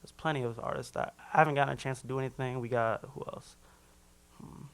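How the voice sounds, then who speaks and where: A young man from Minnesota, a musician guest chatting casually in an interview, loose and relaxed with frequent restarts. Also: medium pitch, quick pace, clear, resonant tone. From Minnesota, USA.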